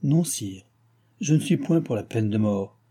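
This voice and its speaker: A man voicing a mild, restrained young prince in an audiobook, speaking softly and evenly. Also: mid-range voice, lively intonation, husky. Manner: soft, measured. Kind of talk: audiobook reading.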